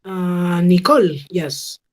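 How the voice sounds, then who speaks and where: Slow, patient woman teacher. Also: on the low side. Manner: patient, slow model pronunciation with frequent check questions. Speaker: English teacher. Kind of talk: online class instruction. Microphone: video call.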